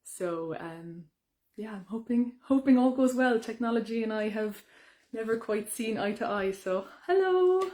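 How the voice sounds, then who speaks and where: A young woman, a singer, chatting brightly with fans during a live Q&A, with many ums and restarts. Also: a little high, expressive, measured pace. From Ireland. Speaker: singer hosting a fan Q&A. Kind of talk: casual live-stream chat. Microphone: phone or webcam on a live stream.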